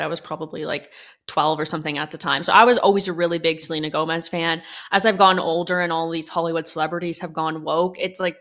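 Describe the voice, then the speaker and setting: A woman's voice: lowish voice, fairly bright tone. A young woman guest on a political commentary show, talking earnestly with frequent likes.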